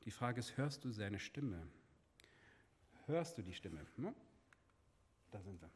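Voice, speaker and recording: A man giving a sermon, asking his listeners questions and dropping to a soft, hushed voice when he speaks God's words. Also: fairly low pitch, sing-song, slow, breathy edge, big-room sound. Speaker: preacher.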